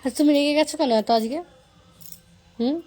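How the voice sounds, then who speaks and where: A woman's voice: high-pitched, a little fast, darkish tone, soft background music. A young woman talking to her angry pet dog, soothing and pleading with it, repeating words over and over. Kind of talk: coaxing talk to a pet.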